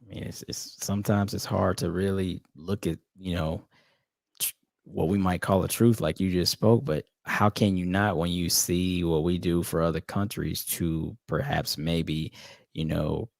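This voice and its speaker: A man co-hosting a casual discussion podcast, speaking in a reflective, measured way with some hesitations. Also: deep voice, steady tone, creaky, darkish tone, no room sound, clean studio sound. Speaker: podcast co-host.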